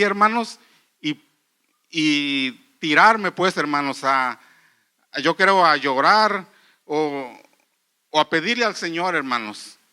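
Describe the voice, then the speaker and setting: A middle-aged man preaching a sermon in church, earnest and halting, often restarting phrases and calling the listeners brothers. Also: fairly high pitch, sharp tone. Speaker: pastor.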